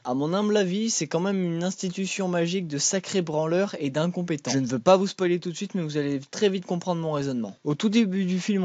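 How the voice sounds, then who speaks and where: A man's voice: fairly high pitch, darkish tone, dry recording. A young man hosting a comic film review video, irreverent and crude in his jokes.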